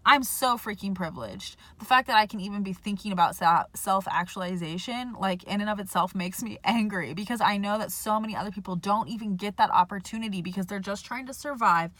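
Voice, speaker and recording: A woman's voice: mid-range voice, brisk, few pauses, a bit bright, no room sound. A young woman talking in a casual personal vlog, speaking passionately and saying "like" a lot, from a parking lot. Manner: impassioned, heavy use of "like". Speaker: vlogger.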